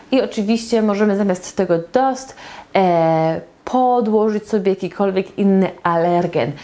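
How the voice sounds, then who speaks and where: Woman, English teacher, very slow pace, patient, repeats phrases, whiteboard lesson. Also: medium pitch, mellow.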